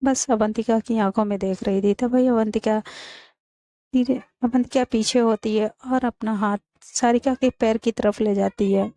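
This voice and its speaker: Woman storyteller, chatty, fairly high voice, mellow, dry close sound. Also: no echo. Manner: chatty, animated retelling. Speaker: storyteller and channel host. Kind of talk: casual story retelling.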